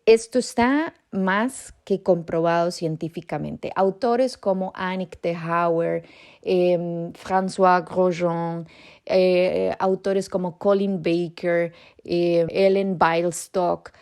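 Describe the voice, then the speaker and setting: A woman hosts an informative podcast, talking calmly and directly to parents. She speaks slowly, and her low voice often drops into a gravelly fry. She sounds unhurried and steady as she lays out her points. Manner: calm, explanatory, addresses parents directly. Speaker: podcast host on bilingual parenting.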